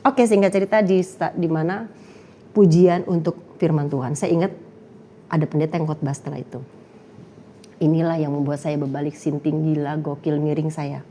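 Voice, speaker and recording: A woman's voice: deep voice, steady tone, moderate pace, dark tone, slight background noise. A young woman telling her story in casual chat, acting out quotes and laughing often. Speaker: guest sharing testimony.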